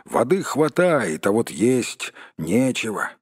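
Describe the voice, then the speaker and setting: Man putting on a gloomy stout dwarf, grumbling, husky, dry close sound. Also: medium pitch, very animated, slow, dry recording, exaggerated voice.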